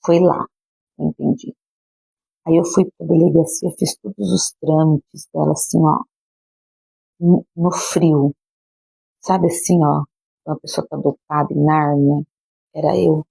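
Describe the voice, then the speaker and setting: Gravelly-voiced Brazilian woman preaching. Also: sits low, steady tone, measured pace, long pauses, mellow, no room sound, low-quality recording. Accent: Brazilian Portuguese. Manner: earnest, emphatic preaching with direct address to listeners. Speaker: pastor. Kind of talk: livestreamed sermon. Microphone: phone or webcam livestream.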